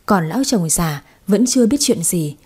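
Woman, storyteller, scripted narration, husky, mellow. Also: fairly low pitch, expressive, normal speed.

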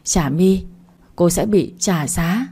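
A woman voicing a cold, vengeful female ghost with slow, drawn-out moaning. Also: fairly low pitch, dark tone, slightly rough, heavily acted. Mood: eerie, accusing.

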